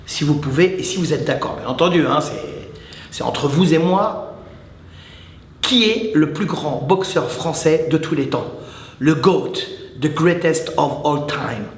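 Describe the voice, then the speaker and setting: Speaking straight to his viewers, this muay thai channel host chats to the camera with plenty of enthusiasm and says things more than once. His voice is fairly high-pitched and fairly bright, and it echoes around a reverberant space.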